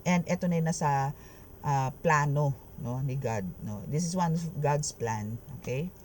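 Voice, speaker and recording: A tarot reader, giving a reading in an expressive, chatty way, mixing Tagalog and English and tagging phrases with a questioning "no?". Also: medium pitch, unhurried, a little hiss or hum. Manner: mixes Tagalog and English, keeps adding "no?" after phrases; expressive, laughing and exclaiming.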